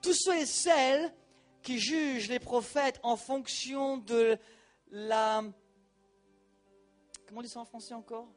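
A male preacher giving a sermon, animated and colloquial, talking straight to the congregation. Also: very high voice, slow, long pauses, faint music behind.

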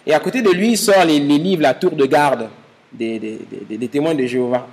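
A man's voice: fairly high pitch, brisk, darkish tone, in a large hall. A man from Gabon preaching a sermon as pastor, speaking straight to his listeners with rising emphasis.

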